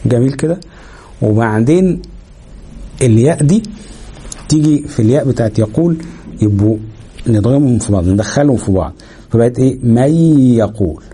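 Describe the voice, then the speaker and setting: A man with an Egyptian Arabic accent, teaching a Quran recitation lesson. He explains rules and slows down to demonstrate sounds, stretching out the nasal hum. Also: mid-range voice, animated, warm tone, slightly rough.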